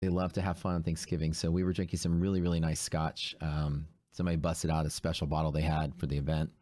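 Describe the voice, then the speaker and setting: A man's voice: extremely low pitch, flat delivery, quick pace, dark tone, no room sound, clean studio sound. A hungover man chatting casually and in laid-back slang as he hosts a livestream. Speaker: host of a live day-trading stream.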